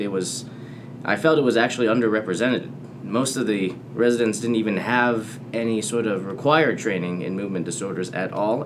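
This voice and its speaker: A man's voice: fairly low pitch, background noise. A man, a medical fellow, talking casually on a podcast panel, thoughtful and hedging with "you know" and "like".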